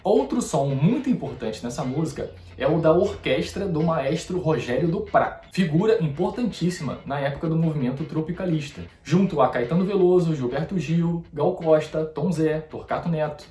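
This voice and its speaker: A man with a slightly high voice walks through the lesson methodically, explaining each point in turn. His voice carries a noticeable room echo around it. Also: animated, normal speed, few pauses, mellow. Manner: didactic, methodical, explaining step by step. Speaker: host. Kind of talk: explanatory music-analysis narration. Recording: roomy echo.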